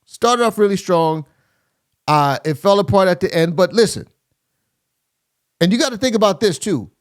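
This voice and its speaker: A male reaction-video host critiques a rap verse in a high, clear, resonant voice with lively intonation at normal speed. Fillers and restarts pile up as he scats rhythms aloud.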